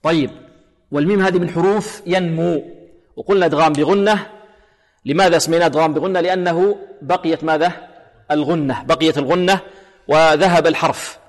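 A man teaching Quran recitation rules, explaining and then slowly demonstrating letters and verses. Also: a little high. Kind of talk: tajweed lesson with recited examples. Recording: long hall reverb.

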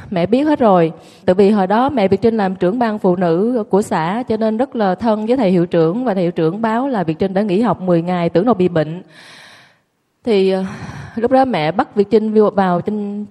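A woman's voice: medium pitch, warm tone, big-room sound. A woman telling her childhood story to an audience in a candid, self-mocking way. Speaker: guest recounting her childhood.

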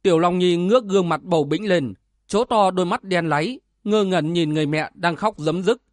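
A man narrating a martial arts novel as an audiobook in a steady, dramatic reading. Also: high-pitched, brisk, dry recording, studio quality.

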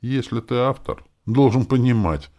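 A man's voice: mid-range voice, lively intonation, normal speed, darkish tone, muffled recording, pitched above the performer's own voice, lightly acted. A man voicing an offended young female elf author who is plaintive and indignant.

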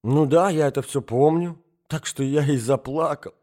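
A man reading an audiobook, voicing a muddled, forgetful old prince who rambles and brightens easily. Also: a little high, normal speed, pitched above the performer's own voice, lightly acted.

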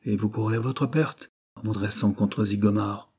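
A man reading an audiobook, voicing a haughty male villain who shouts indignant protests. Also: fairly low pitch, steady tone, moderate pace, husky. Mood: threatening.

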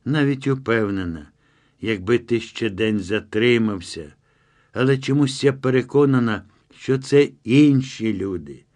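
A man's voice: medium pitch, lively intonation, measured pace, a little mellow, natural voice. A man reading the lines of an anxious young woman pleading with her beloved over the phone in an audiobook. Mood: worried. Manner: pleading, emotional.

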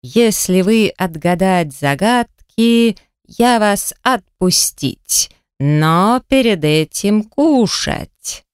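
A lumbering, slow-witted swamp troll booms out his broken phrases, every word stretched long, as a woman reader acts him out. The voice sits higher and louder than her usual reading and sounds oddly unlike her own. The recording is dry and close. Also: expressive, clear, resonant tone, no echo. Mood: bellowing. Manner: slow, drawn-out broken speech. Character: hulking dim-witted male swamp troll. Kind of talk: audiobook character voice.

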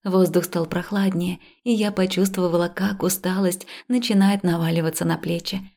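Woman reading a first-person novel, gravelly. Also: fairly low pitch, steady tone, normal speed, darkish tone. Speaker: audiobook narrator. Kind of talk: first-person scripted narration.

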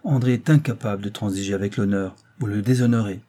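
A stern, calm doctor from a classic audiobook, speaking with grave and steady authority, as a man reads his part. His voice is low, dark and slightly husky. He never raises it out of control. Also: quick pace, close to an everyday voice. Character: stern calm male doctor, family friend.

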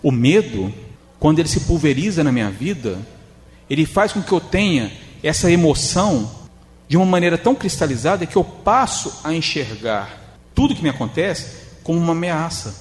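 A man's voice: fairly high pitch, sing-song, moderate pace, in a large hall, a little hiss or hum. A man giving a spiritist lecture in a conversational way, acting out the people he quotes in changed voices. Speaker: spiritist speaker.

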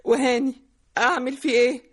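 A woman's voice: high voice, fairly even intonation, a little fast, husky. Sobbing Egyptian mother. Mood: distraught. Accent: Egyptian Arabic. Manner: sobbing, wailing complaints. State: crying. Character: distraught middle-aged mother, sobbing over her husband. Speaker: distraught mother. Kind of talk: radio drama acting.

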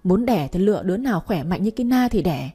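A woman's voice: medium pitch, expressive, fast, slightly rough, faint music behind. A woman voicing a harsh, scolding older mother-in-law in a storybook reading. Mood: dismissive. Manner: sharp, scolding, dismissive.

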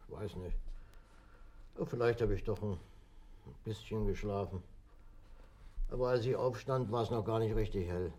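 An actor playing a gruff, plain-spoken old grandfather in an old radio play. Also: fairly low pitch, normal speed, long pauses, mellow. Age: older. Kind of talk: 1980s radio play acting.

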